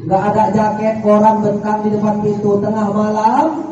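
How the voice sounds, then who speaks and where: A man's voice: high-pitched, normal speed, slight background noise. A male preacher giving a humorous sermon, joking with the audience and acting out scenes, in a mosque hall. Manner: lively, jokes with the audience, acts out scenes. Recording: echoey mosque hall, far from mic, dull sound.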